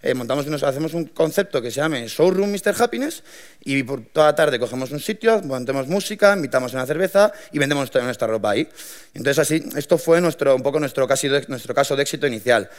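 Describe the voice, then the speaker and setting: A young man, telling his founding story to an audience in a lively, colloquial way with many restarts. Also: medium pitch, quick pace. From Madrid, Spain. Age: 20s. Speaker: young entrepreneur giving a talk.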